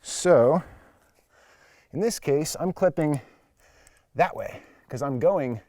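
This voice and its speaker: A man's voice: fairly high pitch, expressive, slow, dark tone, dry recording, studio quality. A man teaching as an instructor during a hands-on demonstration, explaining things in a plain-spoken way. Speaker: climbing instructor. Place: at a climbing wall or crag, speaking while climbing.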